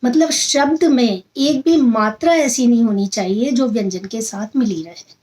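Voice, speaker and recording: Woman tutor, slightly high pitch, patient and repetitive, drills each sound slowly for students. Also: a little mellow, poor audio. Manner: slow, patient, repeats and drills sounds aloud; mixes English words into Hindi. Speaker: Hindi and Sanskrit teacher. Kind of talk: online grammar lesson.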